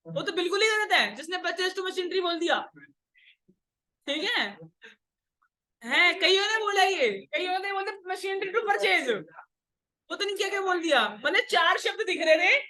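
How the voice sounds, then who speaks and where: A woman's voice: very high voice, animated, normal speed, sharp tone. A woman teaching an accounts class, lecturing and drilling students with questions in a scolding, teasing way.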